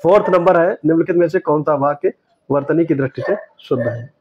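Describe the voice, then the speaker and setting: Man slowly correcting exam answers. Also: on the high side, slight background noise. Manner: explains step by step, repeats corrected words slowly. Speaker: teacher. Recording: dry, dull lo-fi sound.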